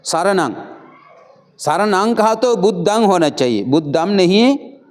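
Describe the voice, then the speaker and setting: A man's voice: high voice, animated, measured pace, a little mellow. A man, a Buddhist monk, giving a Pali pronunciation lesson and patiently repeating and correcting each word.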